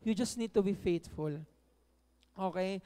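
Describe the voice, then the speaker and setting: A man's voice: high voice, a little slow, dark tone, smooth, in a large hall. A man giving a conversational sermon in Tagalog and English, often checking in with the audience with "No?" and hitting key words with emphasis. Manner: frequent "No?" tag questions to the audience. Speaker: preacher.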